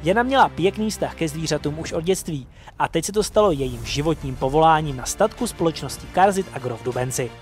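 A man's voice: fairly high pitch, soft background music. A young man presenting an educational program in a formal, scripted narration. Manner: formal, even delivery.

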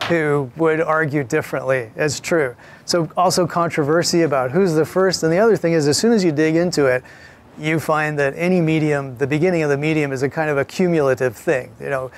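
A man lecturing a college class in a conversational way, often repeating words as he thinks aloud. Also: on the high side.

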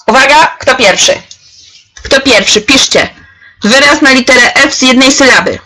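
A woman's voice: high-pitched, moderate pace, pushed and bright, low-quality recording. A woman leading an online workshop for teachers, demonstrating an activity on screen. She is chatty and encouraging and calls participants by name. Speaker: trainer leading a webinar for teachers.

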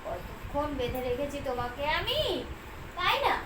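A woman's voice: high-pitched, big pitch swings, normal speed. A woman vlogging as she talks to her pet dog in doting, cooing baby talk. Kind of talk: casual baby-talk vlog. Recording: echoey room, far from mic, noisy.

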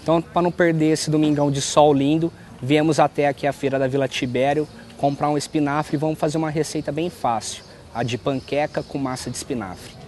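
This thirtysomething host from the São Paulo interior demonstrates a recipe in a laid-back, talkative way, continually speaking to viewers in Brazilian Portuguese. His fairly high voice is brisk, with hardly any pauses. Scenes take place in a home kitchen and at an outdoor street market.

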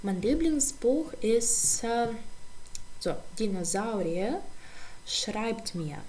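Slow Ukrainian-accented German teacher. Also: female voice, a little high, very animated, a little mellow, a little hiss or hum. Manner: reads sentences slowly, translating into Ukrainian. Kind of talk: slow textbook walkthrough for pupils.

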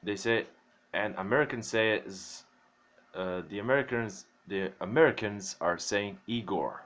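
A man's voice: fairly low pitch, unhurried, fairly bright tone. A man giving casual gameplay commentary on a horror game, swearing, joking and chewing gum as he reads game text aloud. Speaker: gamer playing a horror game.

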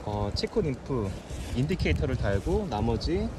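A man's voice: medium pitch, normal speed. Man narrating a fishing trip outdoors. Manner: relaxed, explanatory, with frequent fillers. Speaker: fly fishing vlogger. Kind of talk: casual narration to camera. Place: riverbank outdoors and inside a car. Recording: outdoor camera audio with background noise.

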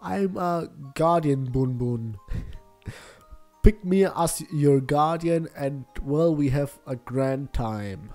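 A man voicing a cheerful, childlike bunny guardian from a game, reading its lines slowly in a sing-song way. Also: a little high, dark tone, faint music behind. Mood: sugary.

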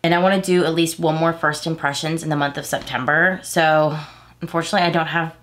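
Her low-pitched voice is steady, quick, and fairly bright, though slightly nasal and stuffy. She's a thirties-aged beauty vlogger from Houston, Texas, rambling casually through a makeup tutorial indoors in a small room at home and fixing her own words as she goes.

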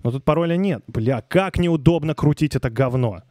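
A man's voice: fairly high pitch, expressive, normal speed, a little mellow, no echo. A man live streaming a game into a close microphone, commenting informally, muttering in puzzlement, swearing and chatting with viewers. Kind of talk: casual gaming live stream commentary, reading and answering chat.

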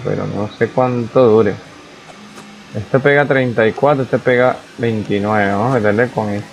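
Gaming commentator: young man, mid-pitched, chatty, talking to himself over faint background music. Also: muffled recording. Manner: chatty, reacts aloud to the game, talks to himself. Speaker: gaming YouTuber. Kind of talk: casual let's-play commentary.

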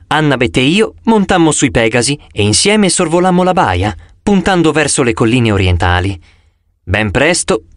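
A man reading an audiobook with animated first-person storytelling. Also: on the high side, no echo, studio quality. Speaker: audiobook narrator.

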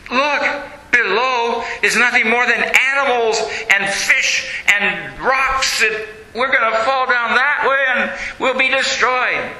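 An impulsive young friar acted by a preacher, his voice swinging high in outbursts. Bright, sharp tone with a roomy church echo. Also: very animated, a little slow, full character voice. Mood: frightened. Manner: exclaiming, emotional outbursts.

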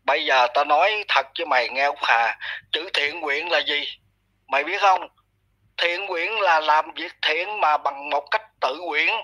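A man's voice: fairly high pitch, measured pace, pushed and bright, poor audio. A man giving a blunt, scolding commentary monologue aimed at someone. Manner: blunt, scolding, addresses listener harshly. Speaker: online commentator.

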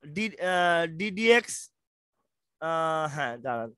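Male math lecturer, Bangladeshi accent, high bright voice, dry close sound, patient and reassuring. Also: sing-song, slow pace, smooth, dry recording. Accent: Bangladeshi Bengali. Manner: reassuring, asks students questions, mixes English terms. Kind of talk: online lecture, casual explaining.

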